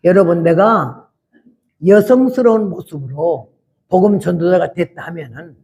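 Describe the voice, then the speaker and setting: A woman in her eighties giving a testimony sermon as a missionary preacher, blunt and rough-spoken, acting out scenes with drama. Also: fairly low pitch, moderate pace, highs cut off. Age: 80s. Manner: dramatic, acts out scenes loudly.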